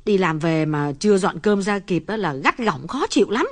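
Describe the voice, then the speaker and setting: A man reading an audiobook voices an anxious young wife who talks in rapid, shrill outbursts. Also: lively intonation. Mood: weary. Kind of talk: audiobook character voice.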